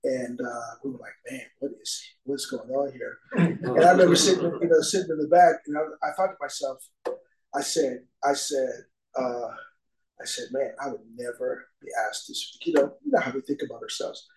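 A man's voice: medium pitch, moderate pace, a little mellow, reverberant, rough recording. A middle-aged man giving a long, rambling personal recovery talk as a guest speaker, peppered with "you know" asides.

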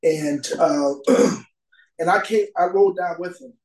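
A middle-aged man with a somewhat high voice speaks at length as a guest at a recovery meeting. He rambles and keeps dropping "you know" between his thoughts. The recording sounds roomy, with a clear echo around him. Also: slow, darkish tone. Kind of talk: personal recovery talk.

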